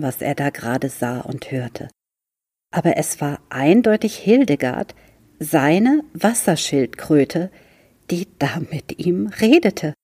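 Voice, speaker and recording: A woman reads a children's book aloud in a library, telling the story in a calm and unhurried way. Her voice is very low, dark and husky, with a gravelly edge. The sound is dry and close. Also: no room sound. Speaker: library reader.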